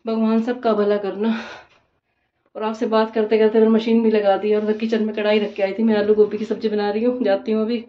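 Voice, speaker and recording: A woman's voice: mid-range voice, little pitch movement, fairly quick, lo-fi sound. A woman with a head cold chatting casually to her viewers in a home vlog, talking straight to the camera. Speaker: home vlogger. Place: home, kitchen and house.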